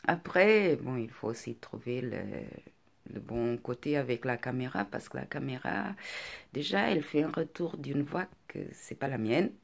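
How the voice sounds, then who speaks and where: Woman, non-native French accent, husky breathy tone, gravelly, hushed confiding delivery, personal vlog. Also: a bass voice, expressive, normal speed. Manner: soft, hesitant and confiding, often near a whisper.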